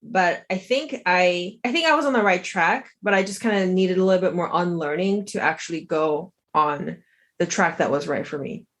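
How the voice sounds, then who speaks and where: Here the same guest, a thirties-aged lawyer and health coach who grew up in South Korea, recounts her route into law in an interview. Her slightly low voice moves at a moderate pace. She sounds thoughtful and conversational, with frequent "like"s and small restarts.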